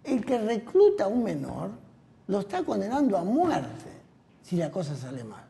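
A woman interviewed for a documentary, explaining a point in a measured way. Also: medium pitch, wildly swooping pitch, creaky, warm tone. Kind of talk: explanatory commentary.

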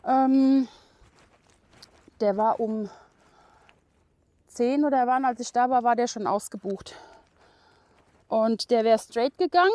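Chatty hiking woman, slightly high voice. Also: slow, long pauses, mellow. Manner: chatty and rambling, with many fillers and frequent laughs. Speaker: hiking vlogger. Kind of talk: casual chat to camera. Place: outdoor forest trail on a coastal hillside. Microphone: camera held at arm's length.

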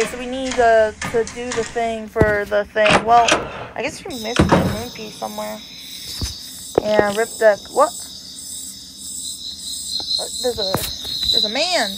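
A woman streaming a game live, reading the on-screen text aloud and reacting with excitement. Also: on the high side, moderate pace, pauses often. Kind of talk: live gameplay commentary. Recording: loud insect and cricket noise behind.

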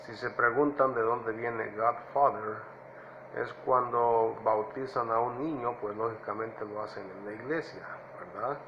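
A man hosting his own channel, explaining vocabulary in a relaxed way with frequent fillers and "ok?" checks. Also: mid-range voice, a little slow, lo-fi sound, a little hiss or hum. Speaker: English teacher and channel host. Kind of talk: casual lesson.

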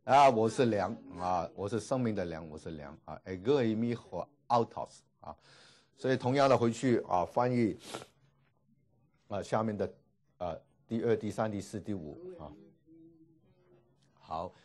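Slow, drawn-out male language teacher. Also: fairly low pitch, darkish tone. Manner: drawn-out, repeats each word slowly, many 啊 fillers. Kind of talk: classroom lecture. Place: classroom with students.

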